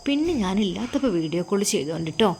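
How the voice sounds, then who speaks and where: A woman voicing a kind, caring woman who speaks gently to a child. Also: medium pitch, animated, fast, creaky. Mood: gentle. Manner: gentle, sympathetic.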